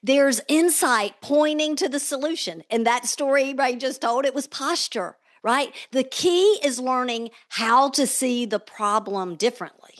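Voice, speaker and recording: A woman's voice: sits high, a little slow, hardly any pauses. A woman co-hosting a podcast, encouraging her guest and summing up the takeaway for listeners. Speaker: podcast co-host. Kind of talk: casual podcast talk.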